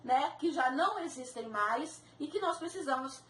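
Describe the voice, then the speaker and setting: A woman teacher giving a recorded grammar lecture with slides, slow and deliberate, spelling out and repeating each example word. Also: high-pitched, expressive, a bit bright. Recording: echoey room, faint background noise.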